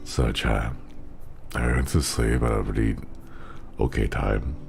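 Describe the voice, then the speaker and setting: A tired man who sounds like he just woke up, chatting casually to his livestream viewers in a groggy, gravelly morning voice. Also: extremely low pitch, steady tone, unhurried, a little mellow, faint music behind. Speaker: livestream host.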